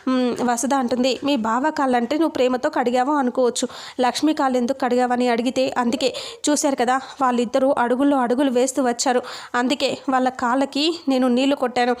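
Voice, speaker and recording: A woman's voice: sits high, steady tone, darkish tone. A woman retelling a television serial episode, quoting the characters' lines as she goes. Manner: brisk retelling with quoted dialogue.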